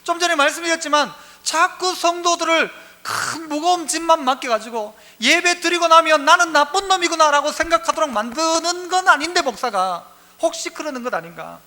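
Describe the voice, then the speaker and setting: A man with a very high, bright and forceful voice delivers a Sunday sermon in a church. He tells stories in a lively way and keeps putting questions to the congregation. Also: normal speed. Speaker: pastor. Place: church sanctuary.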